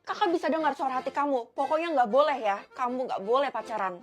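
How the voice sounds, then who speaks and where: A woman's voice: sits high, fast talker, faint music behind, close to an everyday voice. A woman voicing a bossy older sister in a doll story, scolding and teasing.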